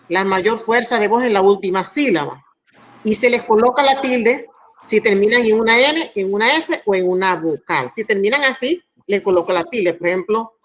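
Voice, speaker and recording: A woman teacher giving a class online, explaining rules patiently and checking in with her students. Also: mid-range voice. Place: school in Santiago.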